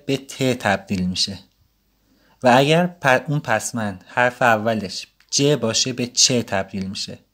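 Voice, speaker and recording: A man's voice: medium pitch, fairly bright tone. A man giving a casual, patient language lesson, explaining grammar rules step by step. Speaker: Turkish language teacher.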